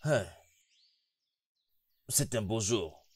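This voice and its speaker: A man dubbing a kind husband and employer in a French film dub, easygoing and quick to chuckle. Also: fairly low pitch, animated, a little mellow, breathy edge, no echo, exaggerated voice.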